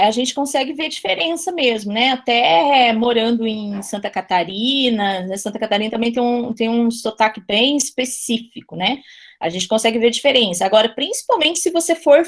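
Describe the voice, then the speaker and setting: A woman from western Paraná teaching a linguistics class online, chatty and full of fillers and restarts. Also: a little high. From western Paraná, Brazil. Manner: chatty, many fillers and self-corrections.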